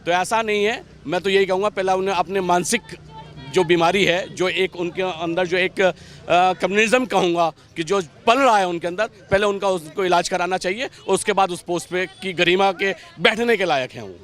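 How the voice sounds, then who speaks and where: A man giving a street interview outdoors, speaking in a measured way and criticising plainly. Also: sits high, fairly bright tone.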